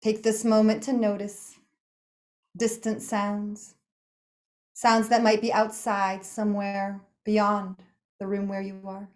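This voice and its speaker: Guiding a yoga nidra relaxation session, a woman with a medium-pitched voice offers short phrases one by one, slow and soothing. Her delivery is completely flat, and the pauses between phrases give it an unhurried feel.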